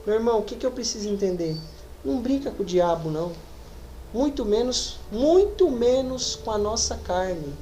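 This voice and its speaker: A woman preacher with a Brazilian Portuguese accent, reading scripture slowly and then preaching with rising emphasis. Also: fairly high pitch, lively intonation, dark tone, slight background noise. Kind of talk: sermon. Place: church.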